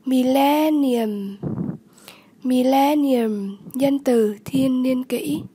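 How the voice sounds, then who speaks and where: Slow, breathy woman tutor, high voice. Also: dark tone, no echo. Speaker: English tutor. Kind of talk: vocabulary lesson.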